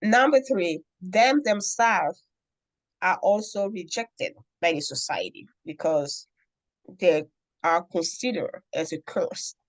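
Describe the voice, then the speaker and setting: Appearing as a guest in an interview, this middle-aged Congolese nonprofit founder, from the Democratic Republic of Congo, tells a story with earnest deliberation and frequent pauses. Her voice sits on the low side with lively intonation, though the audio quality is poor.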